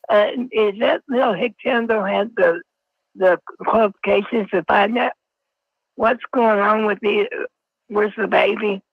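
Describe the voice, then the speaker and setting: A man calling in to a live show, his voice run through a pitch-shifting voice changer, stammering and halting. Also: steady tone, creaky, husky, no echo. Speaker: caller. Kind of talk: phone-in call to a live show. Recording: muffled call played back on stream.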